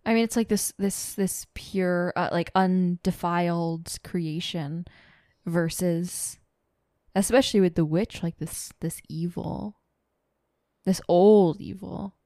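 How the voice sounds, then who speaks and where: A woman co-hosting a casual book discussion podcast, offering short, halting remarks. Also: on the low side, fairly even intonation, warm tone, no echo, studio quality. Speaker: podcast co-host.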